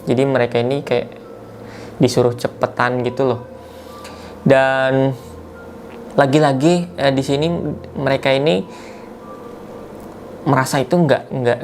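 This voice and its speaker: A man's voice: medium pitch, slight background noise. A man casually retells a listener's mountain horror story as host, talking loosely with slang fillers and self-corrections.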